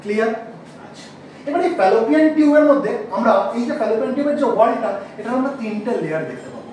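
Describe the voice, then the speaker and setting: A man teaching a class, asking questions and slowly repeating key terms. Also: extremely high pitch, expressive, a little mellow, slight background noise. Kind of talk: classroom lecture. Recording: echoey room, mic far off.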